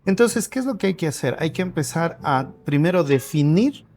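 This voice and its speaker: A man with a somewhat high voice talks as an interview guest in a café. He explains things conversationally and with energy, often asking a question and answering it himself. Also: normal speed. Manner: animated, asks and answers own questions.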